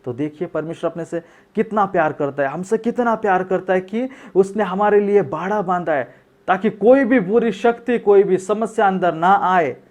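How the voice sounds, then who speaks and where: A pastor preaching a sermon, asking questions and answering them himself, repeating key phrases for emphasis. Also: male voice, high voice, moderate pace, darkish tone. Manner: emphatic, asks and answers his own questions.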